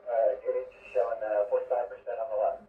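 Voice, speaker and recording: A shuttle crew member speaks in clipped air-to-ground radio talk over a crackly, breaking-up space radio link. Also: male voice, lowish voice, level tone, quick pace. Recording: tinny, far-off, echoey archival radio.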